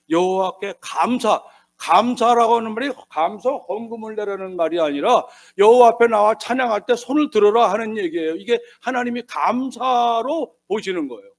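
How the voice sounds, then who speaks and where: Preaching with a high-pitched voice, this pastor from South Korea alternates between quiet asides and loud, forceful outbursts, performing the voices of those he quotes.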